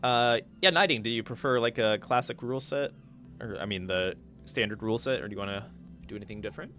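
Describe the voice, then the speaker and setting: Man, lowish voice, bright and forceful, casual live game commentary, faint music behind. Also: fast talker. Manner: relaxed, chatty, thinks aloud with fillers. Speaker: stream host and match caster.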